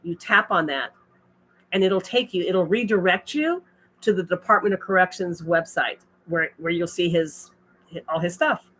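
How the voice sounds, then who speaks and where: A woman's voice: lowish voice, moderate pace, a bit bright. A woman hosting a casual livestream, chatting and reading viewer comments aloud with frequent laughs. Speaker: livestream host.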